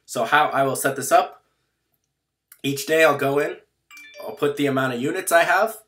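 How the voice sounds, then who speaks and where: A young man, slightly hoarse, walking through a spreadsheet in a casual, matter-of-fact tutorial. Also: on the high side, normal speed, a bit bright. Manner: plain, matter-of-fact walkthrough with fillers. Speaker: online seller teaching a spreadsheet. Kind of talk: casual screen-share tutorial.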